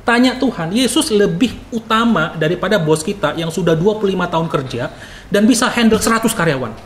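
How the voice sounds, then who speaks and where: A man's voice: high voice, animated, fairly quick, slight background noise. A man preaching a sermon. He keeps addressing the congregation directly and answers his own rhetorical questions. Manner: asks rhetorical questions and answers them himself; exhorting, with frequent direct address to the listeners.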